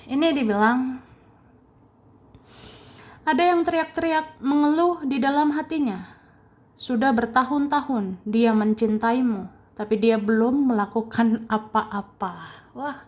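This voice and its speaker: A young woman giving a casual tarot card reading, repeating phrases and chuckling softly as she goes. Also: a little high. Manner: slow, repetitive phrasing with soft chuckles. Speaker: tarot reader.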